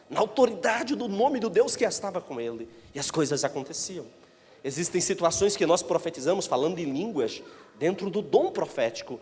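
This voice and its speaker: A man preaching a Pentecostal sermon as pastor, emphatic, swinging between shouted declarations and hushed asides. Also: high voice, big-room sound. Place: church.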